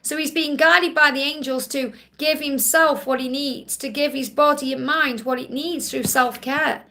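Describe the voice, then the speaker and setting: A woman with a Stoke accent and a high, creaky voice with a bright, forward edge. She hosts live psychic card readings, talking to viewers in a reassuring manner. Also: fairly even intonation, moderate pace. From Stoke, England. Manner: reassuring, repeatedly checking with "okay?".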